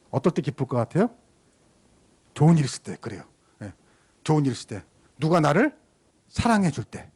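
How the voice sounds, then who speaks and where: A man's voice: fairly high pitch, darkish tone, breathy edge. A middle-aged man, a pastor preaching a sermon in a conversational way. He asks the congregation questions, tells personal stories, and repeats phrases for emphasis.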